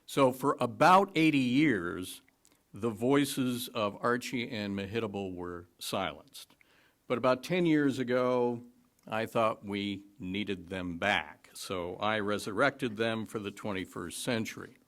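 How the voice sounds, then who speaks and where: A man introducing a reading to a congregation, halting at first, then telling the backstory with dry, wry humor. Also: fairly low pitch, fairly bright tone. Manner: hesitant start, then wry storytelling. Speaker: lay speaker at a worship service.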